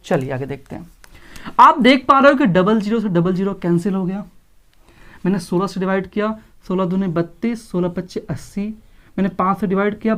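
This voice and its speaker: A male maths teacher giving an online exam-prep lesson, explaining slowly step by step and often asking whether his students follow. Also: high voice.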